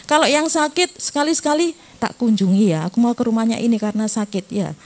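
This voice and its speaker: A middle-aged woman speaks to young people at church in a loose, chatty way. Her voice sits a little high for a woman. She keeps asking her listeners questions and tags her lines with "ya". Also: expressive, quick pace, a little mellow. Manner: chatty, asks the audience questions, tag "ya". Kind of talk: church youth talk.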